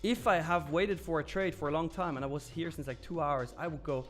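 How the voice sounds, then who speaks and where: Faint music runs under this man's slightly high voice as he talks a little fast. He's a Swiss host of a live trading stream, casually chatting through viewer comments, candid and loose, with lots of fillers and mild swearing.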